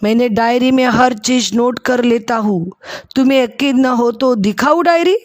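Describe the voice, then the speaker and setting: A woman's voice: on the high side, moderate pace, no echo, studio quality, close to an everyday voice. A woman voicing a stern, stingy male householder who questions and scolds sharply as he settles wages. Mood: stern, calculating.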